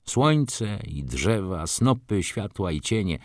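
A man narrating an audiobook in a measured literary reading. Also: on the low side, big pitch swings, no echo, clean studio sound.

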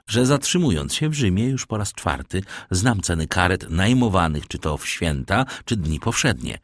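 A man doing a wry young gentleman. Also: low voice, no room sound, studio quality. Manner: wry, bargaining. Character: young gentleman traveler, ironic and self-assured.

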